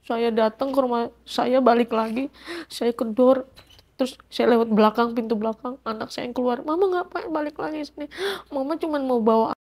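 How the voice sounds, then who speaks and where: A woman's voice: fairly high pitch, steady tone, moderate pace, darkish tone. A middle-aged woman giving an emotional personal testimony in an interview, acting out quoted dialogue as she recounts events.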